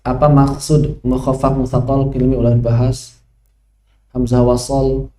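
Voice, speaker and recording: A man's voice: mid-range voice, little pitch movement, measured pace, mellow. A man teaching Quran recitation rules in an online lesson, asking questions and answering them himself.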